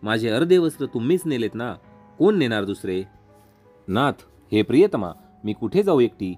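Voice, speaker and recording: A grieving young queen calls out in a soft, pleading voice, as a male storyteller puts her on. The tone is dark and mellow, with faint music behind her. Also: mid-range voice, very animated, moderate pace, breathy edge. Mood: lamenting. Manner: softer, pleading and lamenting. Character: grieving young queen searching forest, woman.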